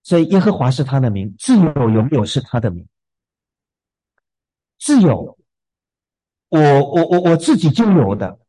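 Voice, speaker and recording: Gentle husky male preacher, lively pitch. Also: a little slow, pauses often, low-quality recording. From southern China. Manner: gentle, repeats words when starting a thought. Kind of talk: sermon.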